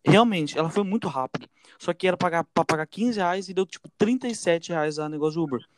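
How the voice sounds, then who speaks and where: A young man from tells a story to his friends at a rapid clip, calling out to them as he goes. His voice sits a little high, and the recording is dry and close. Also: dry recording. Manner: fast, animated, addresses listeners as gente and velho. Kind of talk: casual storytelling among friends.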